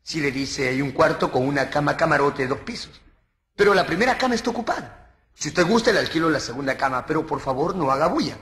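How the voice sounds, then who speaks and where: Male comic, high voice, bawdy joke teller, slight room echo. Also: fast talker, fairly bright tone, a little hiss or hum. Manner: bawdy storyteller who puts on high voices for characters. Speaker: stand-up comedian. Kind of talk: live joke telling.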